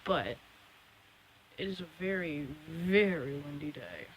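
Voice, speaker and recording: A man's voice: fairly high pitch, very animated, takes it slowly, rough recording. A man rambling casually and apologetically to viewers, recording a vlog outdoors in strong wind at night. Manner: apologetic, repetitive talk. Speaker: amateur video blogger. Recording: very loud wind noise, outdoors. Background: loud gusting wind.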